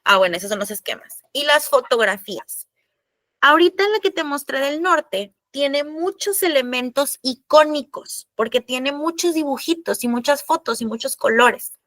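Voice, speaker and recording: A woman's voice: high-pitched, expressive, normal speed, a bit bright, dry recording. A woman teacher, explaining a lesson in an online class, chatty and addressing the students directly.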